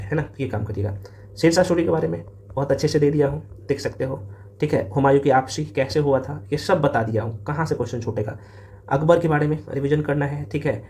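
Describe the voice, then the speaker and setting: A man's voice: mid-range voice, warm tone, a little hiss or hum. A man giving a casual exam revision lecture, chatty and full of fillers, calling his students brother. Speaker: exam coaching teacher.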